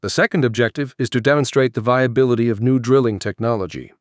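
A man voicing a patient, measured scientist. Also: medium pitch, dry recording, studio quality, lightly acted. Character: patient male scientist testifying to a committee. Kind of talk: audiobook character voice.

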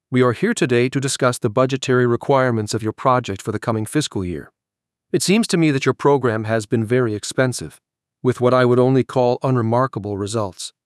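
A man's voice: mid-range voice, no echo, clean studio sound, natural voice. A man voicing a critical, condescending female senator with a nasal, whiny voice, read as an audiobook character. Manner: skeptical, cutting, condescending.

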